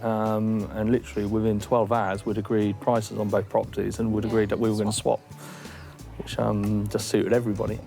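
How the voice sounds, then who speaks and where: A man being interviewed as a homeowner, speaking in a somewhat low voice. He tells his story plainly and matter-of-factly, pausing now and then on a hesitant um. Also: little pitch movement, creaky, mellow, faint music behind. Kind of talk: interview recollection.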